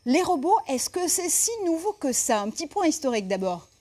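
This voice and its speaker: High, mellow-voiced female TV presenter. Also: very animated, fairly quick. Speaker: television presenter. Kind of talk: scripted studio presenting and interviewing.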